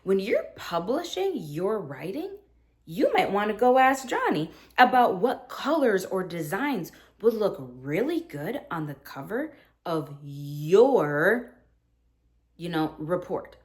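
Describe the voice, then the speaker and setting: With medium pitch and a slow pace, a woman in her thirties, a teacher, talks earnestly to other teachers about classroom practice. She's animated, acting out the things she says to her students.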